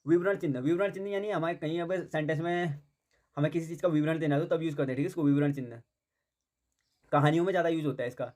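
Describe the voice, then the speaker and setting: Man, grammar teacher, fairly high voice, exam-prep lesson, self-answered questions, repetitive, English words mixed in. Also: fast talker, darkish tone. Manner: repeats points, asks and answers own questions, fills with "theek hai"; mixes English words into Hindi.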